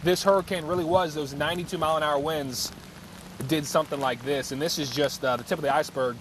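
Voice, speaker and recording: A man's voice: fairly high pitch, fairly even intonation, fast talker. A male field reporter ad-libbing a live storm report outdoors, raising his voice emphatically over wind and rain. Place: outdoors on a city street in pouring rain.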